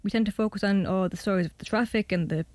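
Young irish woman, talks quick, lots of fillers, dry sound. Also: medium pitch, darkish tone, no echo. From Ireland. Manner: chatty, hedging with fillers. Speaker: student documentary maker. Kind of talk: casual radio interview and scripted narration.

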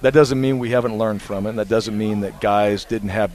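A man's voice: on the low side, fairly even intonation, fairly quick, darkish tone. A male college football coach, answering in an interview.

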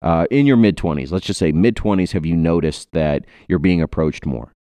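A young man from Ohio talks in a loose, rambling podcast chat, joking and filling pauses with ums and likes. His voice sits very low, and the recording is close and dry, with no room sound around it. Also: dark tone, no room sound. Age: 20s. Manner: rambling, joking, many fillers. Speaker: podcast host.

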